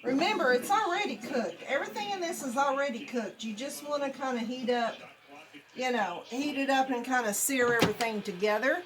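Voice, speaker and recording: Casting: mature woman, slightly high pitch, casual folksy home-cook vlogger, chatty delivery straight to the audience. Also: fairly quick, a crowd in the background. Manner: folksy, chatty, addressing viewers. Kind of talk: casual cooking demonstration chat.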